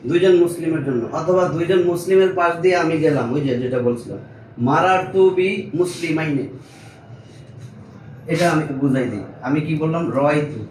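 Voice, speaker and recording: A man teaches a small class in an informal way, patiently working through each step and stopping to check that his students understand. His voice sits a little high for a man. It sounds roomy and a bit distant, with a faint hiss underneath. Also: fast, few pauses, darkish tone. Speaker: Arabic grammar teacher. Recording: echoey room, mic at a distance, faint noise.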